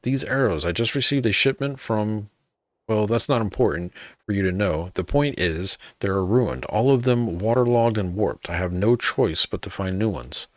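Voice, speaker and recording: An exasperated archer acted by a man who orders people about haughtily, like a quest-giver in a fantasy game. His pitch sits a little above the performer's usual, in a dry close recording. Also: lively intonation, normal speed, dry recording, natural voice. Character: irritable, bossy male archer with violent demands. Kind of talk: video game quest role-play.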